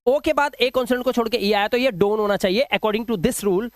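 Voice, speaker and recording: A man teaching English pronunciation rules step by step. He stretches each example word out slowly, repeats it, and keeps checking that the listener follows. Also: very high voice, no room sound, studio quality. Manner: patient, step-by-step explaining with frequent checks.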